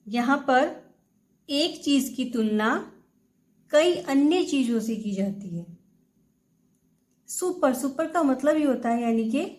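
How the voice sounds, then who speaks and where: A woman teaching grammar. She reads examples slowly, translates them, and answers her own rhetorical questions. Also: high-pitched, darkish tone, rough recording. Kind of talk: bilingual classroom explanation.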